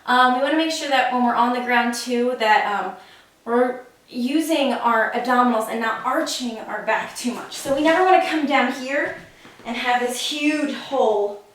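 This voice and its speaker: A woman's voice: on the high side, moderate pace, a bit bright. A woman fitness instructor explaining and demonstrating exercise technique, a little out of breath as she moves. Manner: instructive, demonstrates while talking. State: slightly out of breath. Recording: very echoey room, voice from a distance.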